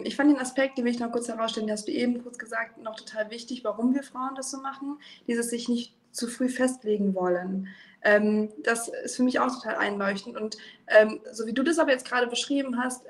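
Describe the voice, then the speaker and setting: A woman's voice: a little high, brisk. A woman hosting a podcast, asking encouraging, reflective questions over a video call with frequent fillers. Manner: warm, encouraging questioner, often says "ähm". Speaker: podcast host. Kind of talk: casual conversational interview. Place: room with sloped ceiling.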